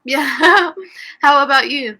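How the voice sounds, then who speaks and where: A woman's voice: high-pitched, takes it slowly, pushed and bright. A young Australian woman, an English tutor, chatting casually on a video call with lots of fillers and laughter. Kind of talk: casual online lesson chat.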